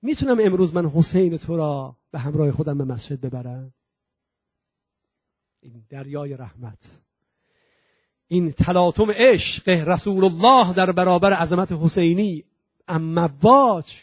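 A man preaching a sermon with passion, swinging between loud and hushed, drawing out Arabic recitations slowly. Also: a little high, expressive, no echo, dull audio. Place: religious centre hall.

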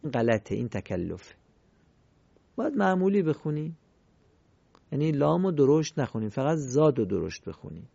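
A man teaching Quran recitation in a recorded lesson, explaining rules politely and chanting example words slowly and clearly. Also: fairly high pitch, sing-song, mellow, no echo, muffled recording. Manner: polite, formal teaching phrases.

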